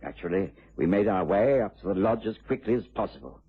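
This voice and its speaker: An actor playing a genial British gentleman doctor who narrates a vintage radio detective drama. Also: on the low side, lively intonation, quick pace, husky. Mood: measured, recounting. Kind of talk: scripted first-person radio drama narration. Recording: tinny, muffled vintage radio recording with music.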